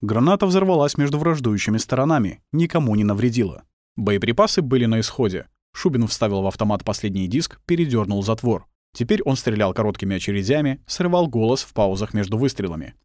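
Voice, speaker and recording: A man's voice: on the low side, expressive, quick pace, a little mellow, dry recording, studio quality. A man reading a war novel aloud as scripted audiobook narration.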